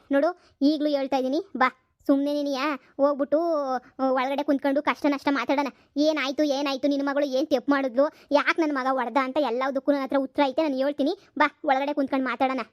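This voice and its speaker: A woman's voice: high-pitched, dry recording, lo-fi sound, natural voice. A woman voicing a rich landlord's wife in a cartoon comedy, talking in a placating but insistent way.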